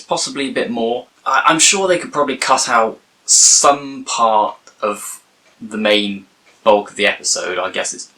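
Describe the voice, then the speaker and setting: A man's voice: on the low side, bright, forceful tone. A man giving a casual, rambling review full of fillers and restarts. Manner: rambling, hesitant with many fillers. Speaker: YouTube reviewer.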